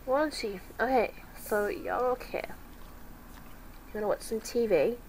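A let's play host with a cold, this woman casually comments on her gameplay and chats to her game characters. Her voice is fairly high and slow, with noise in the background.

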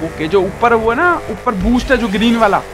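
A man giving excited live commentary on a racing game, shouting at the game and joking with his viewers. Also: extremely high pitch, normal speed, slight background noise. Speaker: gaming YouTuber.

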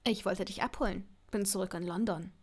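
A woman voicing a young man in an audiobook, a teasing, laid-back charmer who speaks low and relaxed. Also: a little fast, slightly rough, natural voice. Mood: easygoing.

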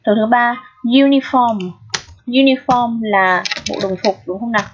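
Husky-voiced woman teacher, patient and checking in. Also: on the high side, normal speed. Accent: Vietnamese. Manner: patient, checks in often with the class. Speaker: English teacher. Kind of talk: explaining an exam, step by step. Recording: dull lo-fi audio.

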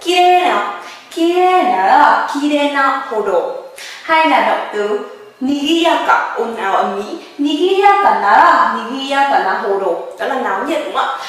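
A woman teaches a grammar lesson in a high voice. She drills each word slowly and keeps asking her students questions. She sounds far from the mic, in a very echoey room. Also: lively intonation, fairly bright tone. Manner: drills words slowly, asks the class questions often. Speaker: Japanese language teacher.

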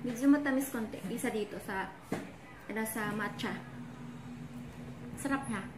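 A woman's voice: fairly high pitch, unhurried. Filipino woman talking through a full mouth. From Philippines. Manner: chatty, savoring food out loud. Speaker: vlogger. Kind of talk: casual food-tasting vlog. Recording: echoey room with ambient noise.

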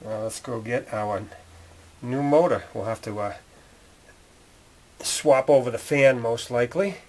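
A man with a mid-range, slightly slow and a little mellow voice gives folksy, plainspoken hands-on commentary as a repair tutorial presenter. He works at the engine bay and workbench of a garage workshop, and the recording is clearly noisy, with tool clicks.

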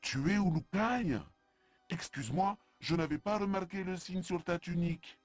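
A humble alien healer's apprentice in a game. He speaks earnestly in a fairly high, dry voice, with faint music behind. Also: normal speed, no room sound. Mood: hesitant, respectful. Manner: earnest, deferential, apologetic. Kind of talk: French video game dub acting.

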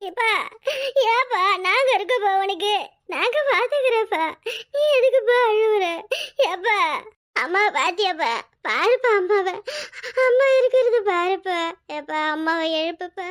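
A crying little child in a cartoon, voiced by a woman. The voice is very high and thin. The child begs its father in tearful pleas. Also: expressive, normal speed. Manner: tearful, begging. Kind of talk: cartoon voice acting.

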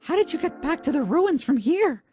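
A woman's voice: sits high, sing-song, normal speed, mellow. A woman voicing a childlike male talking flower, bitter and scheming, in a dramatic cartoon fan dub. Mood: intent.

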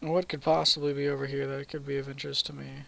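A man's voice: medium pitch, level tone, quick pace, vocal fry, sharp tone. A man casually commentating his own game playthrough in a chatty way, reading the on-screen text aloud. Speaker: let's play host.

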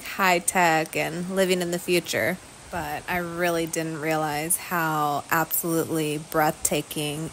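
A woman's voice: low voice, a bit bright, slight background noise, rough recording. A young woman vlogger narrating a day trip in a casual, upbeat way, gushing and saying "like" a lot. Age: young adult. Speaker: travel vlogger. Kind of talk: casual travel vlog narration.

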